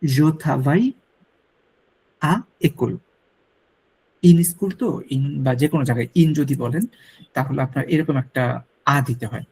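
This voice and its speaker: A man's voice: medium pitch, a little fast, mellow, breathy edge, poor audio. A man teaching a French lesson to students, patiently repeating pronunciation drills. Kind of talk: classroom lecture.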